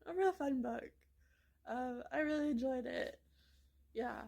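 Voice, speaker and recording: Casting: young woman, high voice, rambling book vlogger, phone-recorded. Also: a little slow, gravelly, warm tone, rough recording. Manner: chatty, rambling, lots of "like" and "um". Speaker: book reviewer. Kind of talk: casual book review vlog. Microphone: phone camera.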